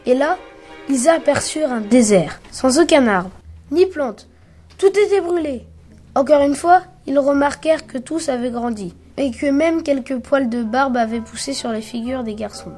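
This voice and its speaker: A woman with a fairly high but mellow voice reads a children's adventure story aloud. Her narration is lively and brisk, and soft music plays faintly underneath.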